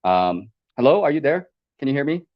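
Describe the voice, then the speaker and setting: A man born in Korea and raised in America, chatting over a call and talking haltingly with many fillers and restarts. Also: medium pitch, big pitch swings, highs cut off. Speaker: podcast guest. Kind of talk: casual chat over a call. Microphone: video call.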